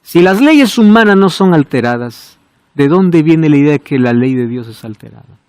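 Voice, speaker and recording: A man preaching a sermon, asking rhetorical questions and swinging from loud emphasis to hushed low words. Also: lively intonation, moderate pace, dry recording.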